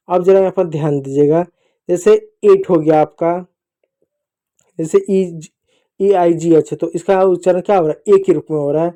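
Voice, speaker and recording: Male children's English teacher, deep mellow tone, patient and repetitive, spells words out slowly. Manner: patient and repetitive, keeps addressing the children directly; slowly spells out letters and lists example words. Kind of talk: recorded phonics lesson.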